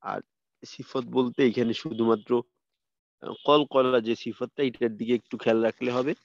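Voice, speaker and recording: A man's voice: mid-range voice, steady tone, creaky, no room sound. Guy teaching arabic letter sounds online, patient, says them over and over, kinda dull dry audio. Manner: patient, repeats letter sounds slowly for students to copy. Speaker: Quran recitation teacher. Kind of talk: online tajweed lesson.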